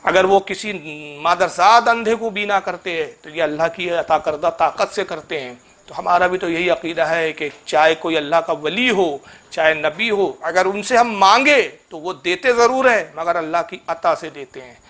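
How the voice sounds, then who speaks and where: A man's voice: high-pitched, moderate pace, a bit bright. A male Islamic preacher giving a polemical religious talk, sarcastically rebuking a rival cleric and reciting Arabic scripture in a chanting cadence.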